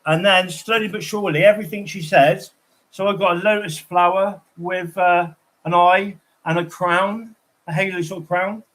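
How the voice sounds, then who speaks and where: A man's voice: high-pitched, fairly even intonation, normal speed, a bit bright, rough recording. Rambling man telling stories. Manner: rambling, digressive storytelling. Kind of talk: casual livestream chat.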